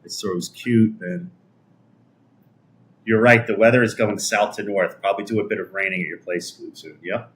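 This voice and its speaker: A New York City man in his 50s hosts a livestream, chatting casually and answering viewer comments in a rambling way that often trails off. His voice is lowish and fairly bright, with a steady tone at a normal speed.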